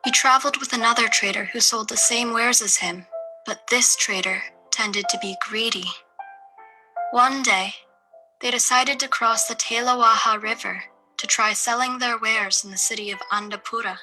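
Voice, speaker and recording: A woman reading a folk tale aloud at a steady, measured pace. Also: a little high, over music, rough recording. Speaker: storyteller.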